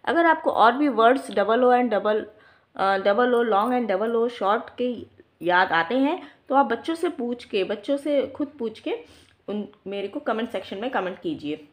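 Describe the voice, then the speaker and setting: A woman's voice: on the high side, expressive, measured pace. Woman teacher stretching out phonics sounds. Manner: stretches words out to demonstrate vowel sounds; patient, explanatory. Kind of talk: online phonics lesson for teachers.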